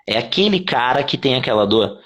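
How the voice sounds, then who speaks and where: A man from Brazil, a company CEO, talking casually in an interview, quick and animated, swearing freely and acting out what clients say. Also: medium pitch. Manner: fast, animated explaining with swearing and acted-out quotes.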